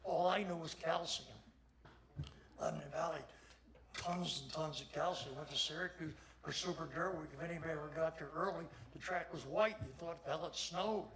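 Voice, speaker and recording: Crowd sounds fill the ceremony hall as a veteran motorsports official, an older man, rambles through a salty, down-to-earth tribute full of anecdotes for an inductee. He speaks at a normal pace, his slightly high voice keeping a steady tone.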